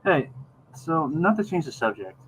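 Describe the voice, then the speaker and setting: A middle-aged man chatting casually on a video call, rambling and halting, often repeating words as he gathers his thought. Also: a little high, sing-song, a bit bright. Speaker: podcast co-host. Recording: dull lo-fi video call, faint background noise.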